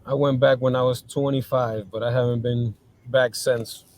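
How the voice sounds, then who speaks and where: A man's voice: mid-range voice, fairly even intonation, moderate pace, a little mellow. A man from Colombia, raised in Miami, answering interview questions in a thoughtful, hesitant way. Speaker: interview guest. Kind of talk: casual interview chat.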